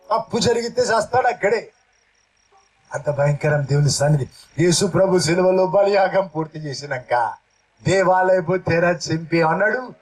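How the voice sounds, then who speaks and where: A man's voice: sits high, poor audio. A male pastor preaching a sermon and leading his congregation through a repeat-after-me prayer.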